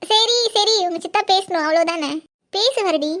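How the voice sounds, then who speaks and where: A woman voicing a young village woman in a cartoon who teases and talks softly. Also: very high-pitched, normal speed, heavy background noise. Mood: coaxing. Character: young village woman, teasing then guilt-ridden. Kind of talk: cartoon voice acting.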